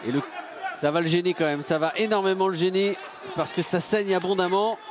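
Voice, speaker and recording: A man calling a fight live like an excited wrestling commentator, dramatically hammering each blow. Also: high-pitched, a little fast. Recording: loud crowd noise in arena. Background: noisy sports arena crowd.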